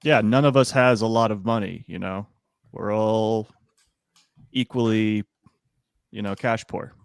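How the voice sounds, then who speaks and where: A man's voice: on the low side, a little slow, vocal fry, clear, resonant tone, no echo, clean studio sound. A man playing a tabletop game in character, talking in a hesitant, mild way with many fillers. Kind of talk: in-character play.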